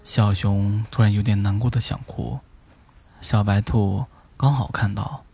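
Guy reading a bedtime story real slow, low mellow voice, soft music behind. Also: fairly even intonation, gravelly, husky. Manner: gentle, unhurried storytelling, lightly voicing the animal characters. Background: soft instrumental music.

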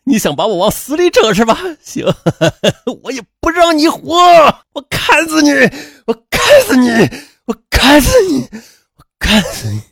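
A man's voice: medium pitch, expressive, fast talker, breathy edge, dry recording, clean studio sound. A man voicing a bitter middle-aged husband who has lost his job. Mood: raging. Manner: bitter, erupting into raging shouts.

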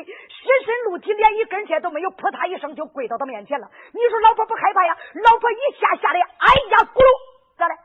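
A woman telling a traditional folk story, who often asks rhetorical questions and answers them herself. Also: very high voice. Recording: narrow lo-fi radio recording.

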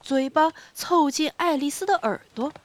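A woman narrating a children's story aloud in an expressive reading voice. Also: high-pitched. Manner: slow, expressive, lively storytelling.

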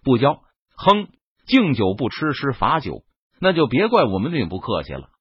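A man's voice: mid-range voice, very animated, moderate pace, slightly rough, no room sound, muffled recording. A man voicing an arrogant, menacing young male sect senior disciple who talks coldly and threateningly. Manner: cold, threatening.

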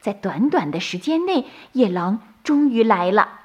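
A woman narrating a bedtime story for children, gentle and sing-song. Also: medium pitch, big pitch swings, unhurried, husky, dull audio.

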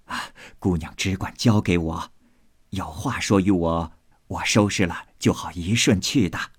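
A man reading aloud voices a humble, obliging old servant woman who speaks deep and deferentially, in a storybook reading. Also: measured pace, slightly rough.

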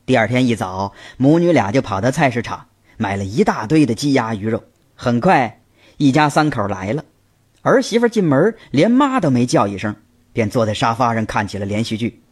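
A man narrating a family story, lively, raising his voice for the characters he quotes. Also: mid-range voice, moderate pace, slightly rough. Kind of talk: scripted narration with acted dialogue.

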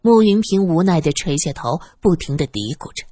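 A woman narrating an audiobook story in an expressive, dramatic storytelling manner. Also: fairly low pitch, brisk, slightly rough, no room sound, clean studio sound.

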